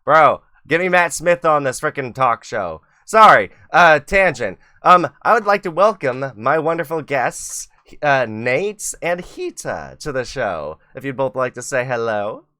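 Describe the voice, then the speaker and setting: A man's voice: medium pitch, very animated, measured pace, pushed and bright, dry recording, clean studio sound. A man hosting a live-streamed talk show, rambling and self-mocking, swearing freely as he chats. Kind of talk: casual live-stream chat.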